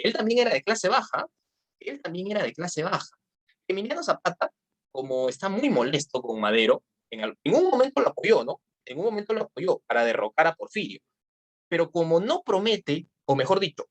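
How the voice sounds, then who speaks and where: A Peruvian woman teaching history for an exam-prep course in a chatty manner, often checking in with tag questions. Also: low voice. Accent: Peruvian Spanish. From Peru. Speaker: history tutor. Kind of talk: online exam-prep lecture.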